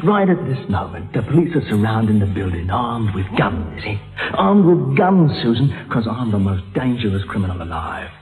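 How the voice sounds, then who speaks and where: An actor playing a deranged, taunting killer, rambling and repetitive with a childish, volatile menace. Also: male voice, on the low side, sing-song, moderate pace. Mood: mock suspense. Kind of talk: melodramatic film thriller acting. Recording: echoey hall, dull lo-fi, music behind.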